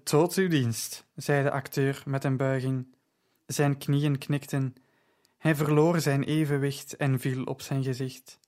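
A man narrating an audiobook story in a measured, even storytelling manner. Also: medium pitch.

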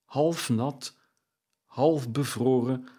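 Slow, deliberate male storyteller. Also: medium pitch, dark tone, husky. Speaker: audiobook narrator. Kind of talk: storybook narration.

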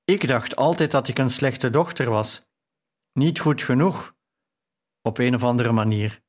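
A man's voice: medium pitch, unhurried, natural voice. A male audiobook reader voicing an emotional young woman, a devoted daughter, in an earnest, tender way. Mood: tearful. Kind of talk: audiobook character reading.

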